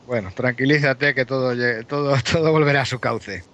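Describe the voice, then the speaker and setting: A man, an advisor guest on a radio chat, calm and agreeable, explaining step by step. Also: medium pitch, moderate pace. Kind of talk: casual radio interview. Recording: dry, dull lo-fi sound.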